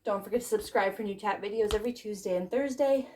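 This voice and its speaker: A woman's voice: mid-range voice, fast. A woman teaching a tap dance step, encouraging her students and counting beats aloud, a bit out of breath from dancing. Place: dance studio. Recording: echoey studio with loud background noise. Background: tap shoe clicks.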